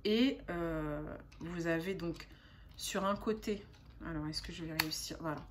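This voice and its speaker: A woman's voice: lowish voice, a little slow, a little hiss or hum. A young adult woman chatting casually as a beauty vlogger, talking in a chatty, hesitant way with frequent fillers and restarts. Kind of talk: casual haul chat.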